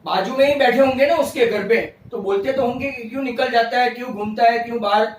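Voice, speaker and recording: A male maths teacher giving an online class, mixing English into Hindi, repeating "right?" often, loud and stern with absent students. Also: very high voice, steady tone, quick pace. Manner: loud, says he shouts himself hoarse. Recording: roomy echo, distant mic, faint ambience.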